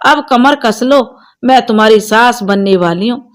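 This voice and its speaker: A woman's voice: on the high side, measured pace, close to an everyday voice. A woman doing a stern, demanding mother-in-law. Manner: demanding, disapproving. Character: stern fussy middle-aged woman, prospective mother-in-law.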